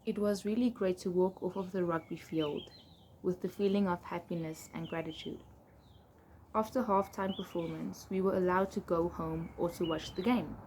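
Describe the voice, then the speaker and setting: A young adult woman with a South African accent, reading aloud and chatting casually in a candid, expressive way. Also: on the low side, moderate pace. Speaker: vlogger. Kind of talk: casual reading of old diary entries with asides. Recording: clear background noise.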